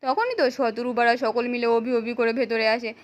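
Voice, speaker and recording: Woman narrator for serial recaps, high voice, steady storytelling that voices every character. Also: brisk. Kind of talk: scripted narration retelling a TV serial episode.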